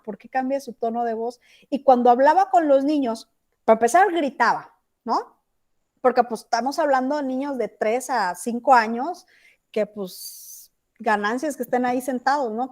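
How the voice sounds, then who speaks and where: High-voiced Mexican woman teaching on a video call. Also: a little mellow. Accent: Mexican Spanish. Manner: chatty, asks checking questions. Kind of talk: online class lecture.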